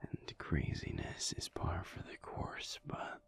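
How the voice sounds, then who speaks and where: Speaking in his natural voice, a man plays a contemplative alpha werewolf for a soft-spoken audio roleplay monologue. The delivery is breathy, low, and gravelly, nearly whispered, with a halting, confiding quality that feels pensive and worn out.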